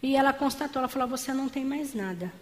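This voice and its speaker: A woman's voice: sits high, fast talker. A woman giving a fervent sermon-style testimony in church, calling her listeners beloved. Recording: long hall reverb.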